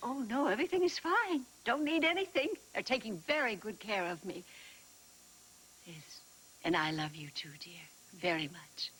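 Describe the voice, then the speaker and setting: An actress playing a forgetful, fluttery older grandmother in a daytime soap opera, chirpy and quick to laugh. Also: fairly high pitch, a bit bright, full character voice, low-quality recording.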